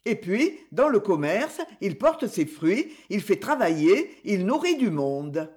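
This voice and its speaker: A woman voicing a talkative, jealous village washerwoman who speaks in a shrill, quick-tongued way. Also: big pitch swings, darkish tone. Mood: teasing.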